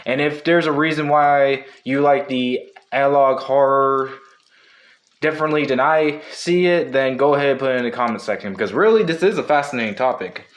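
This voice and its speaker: A man with a slightly high, fairly bright voice hosts a casual, unscripted video essay. He rambles and hedges, frequently backtracking to correct himself.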